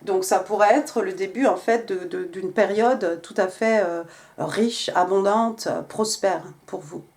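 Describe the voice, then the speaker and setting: A woman's voice: mid-range voice, unhurried, a little mellow. A woman giving a casual tarot reading, talking with many hesitations and restarts. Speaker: tarot reader.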